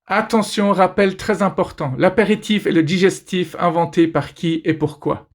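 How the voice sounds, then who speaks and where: Playful man with a slightly high voice. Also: steady tone, moderate pace. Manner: playful, teasing, chatty asides. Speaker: comedy video host. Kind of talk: joking commentary on pictures.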